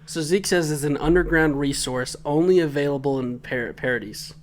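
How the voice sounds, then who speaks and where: A man's voice: a little high, moderate pace. A man co-hosting a podcast, doing a casual comedic recap with profane, teasing banter. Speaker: podcast co-host.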